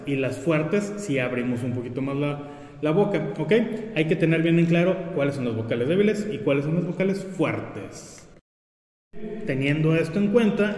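A man's voice: a little high, darkish tone. A male teacher giving a spelling lesson, patiently repeating examples and checking in with "¿ok?" between points. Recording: echoey room with long reverb.

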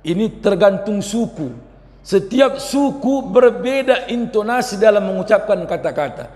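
Guy preaching loud, kinda high voice, teases the crowd, big echoey hall. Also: expressive, a little slow. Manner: loud, forceful, swings between shouting and quiet asides; teasing, asks the audience questions directly. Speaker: Islamic preacher. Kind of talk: lively sermon to a congregation.

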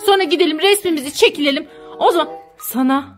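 A woman's voice: high voice, quick pace, soft background music. A young mother scolding one daughter and soothing the other in a family vlog. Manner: scolding and pleading, switching to soothing. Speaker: mother filming her daughters.

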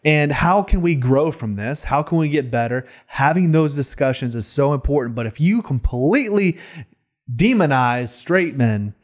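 A man's voice: on the high side, animated, moderate pace. A man in his thirties co-hosting a casual reaction podcast, opinionated and fond of rhetorical questions, close on a studio mic. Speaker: podcast co-host. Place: small foam-treated studio. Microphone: close studio microphone on boom arm.

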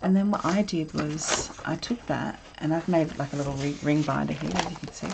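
Speaking fairly quickly with vocal fry and fairly even intonation, this art instructor leads a casual live draw-along from home in a low voice. She's chatty and rambling, peppering her talk with ums, over a noisy background.

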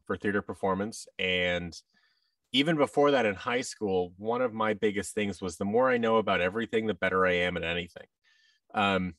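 This low, fairly bright male voice comes through without echo but from a distant mic. He's a thirtysomething American guest, an actor and audio drama producer, chatting casually and rambling in a self-deprecating manner. The recording happens in a large indoor office room over a video call, with a boom-arm mic and headset.

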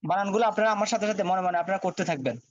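A man teaching Quran reading, spelling out letters and vowel marks in a steady chant and then reading each whole word. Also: high-pitched, racing. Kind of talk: spelling-out recitation lesson. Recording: dull dry lo-fi audio.

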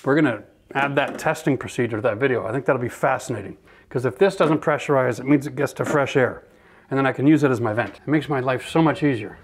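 Speaking fast in a mid-range voice over slight background noise, a middle-aged man runs his renovation channel's tour of a gutted bathroom. He's chatty and cheerful, laughing and swearing freely while explaining what he's done.

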